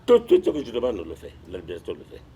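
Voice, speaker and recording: An older Guinean man, a retired sports administrator, tells stories in a sit-down interview, often restarting and repeating himself. His medium-pitched voice has a dark tone and swings widely in pitch as he races along, with a slight hiss or hum in the audio.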